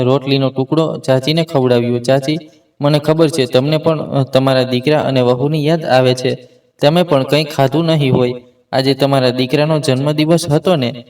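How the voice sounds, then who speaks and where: A man tells an emotional family story, reading every part in one even, steady voice and stumbling now and then on a word. His pitch sits in the middle, and he sounds somewhat set back from the microphone. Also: recorded from a distance. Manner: reads all parts in one steady voice, with small slips and restarts.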